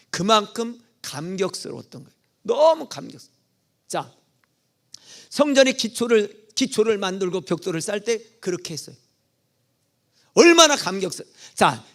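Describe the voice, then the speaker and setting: A pastor delivers a Sunday sermon in a church sanctuary, telling the story vividly and posing questions he then answers himself. His animated delivery swings between soft, low asides and loud exclamations and calls.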